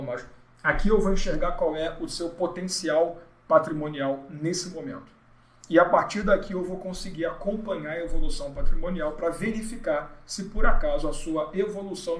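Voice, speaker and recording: A Brazilian man teaches an exam-prep law class in a casual, joking way, slipping into little acted-out bits of dialogue. His voice sits fairly high for a man. The sound rings around a roomy, echoey space. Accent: Brazilian Portuguese. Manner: joking, chatty, acts out quoted people. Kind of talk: informal recorded lesson.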